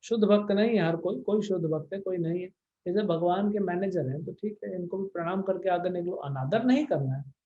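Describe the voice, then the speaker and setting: A man's voice: sits high, a little fast, narrow, tinny audio. A man, a spiritual teacher, answering devotees' questions on a video call in a blunt, scolding way with English words mixed in. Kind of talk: devotional Q&A discourse.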